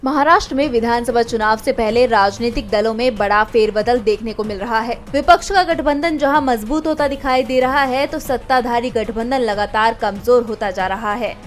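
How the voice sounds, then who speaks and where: Lady doing breaking news voiceover, pretty high voice, bit of music behind. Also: normal speed, hardly any pauses. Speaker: news reporter doing voice-over. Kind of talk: scripted news report narration, breaking-news style.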